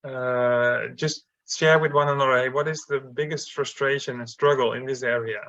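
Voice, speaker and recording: Man, online class trainer, hesitant, halting, bright voice, dull lo-fi call sound. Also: medium pitch, fairly even intonation, dry recording. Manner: halting, stops and starts with many fillers. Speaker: missions trainer. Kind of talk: online class instruction through an interpreter. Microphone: video call.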